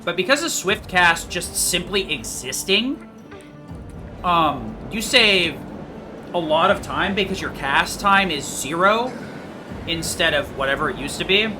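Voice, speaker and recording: A man's voice: high-pitched, animated, a little slow, music in the background. A man giving casual, rambling, matter-of-fact commentary on his own speedrun, picking at his own mistakes. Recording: clearly noisy home gaming recording.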